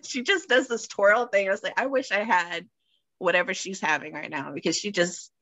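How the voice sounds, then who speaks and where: A woman chatting casually on a podcast, telling stories in an animated way and laughing often. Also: mid-range voice, moderate pace, dry recording.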